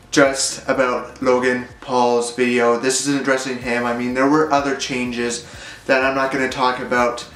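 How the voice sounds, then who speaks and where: A man's voice: medium pitch, a bit bright. Rambling young man vlogging in an echoey room. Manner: rambling, hesitant, many fillers. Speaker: YouTuber. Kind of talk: casual vlog monologue.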